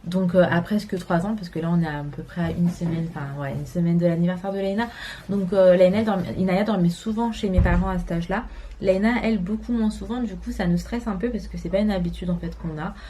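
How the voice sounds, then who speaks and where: Woman in her twenties, casual home vlog, chatty, lots of fillers, warm tone. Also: fairly low pitch, quick pace, a little hiss or hum. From France. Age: 20s. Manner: chatty, rambling with many fillers. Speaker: vlogger. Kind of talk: casual chat to camera. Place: home, indoors.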